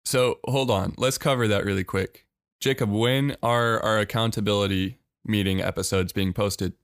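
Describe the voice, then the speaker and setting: A man's voice: fairly low pitch, fairly even intonation, normal speed, dry recording, studio quality. A man co-hosting a casual podcast, talking in a hyped, announcer-like way. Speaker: podcast co-host.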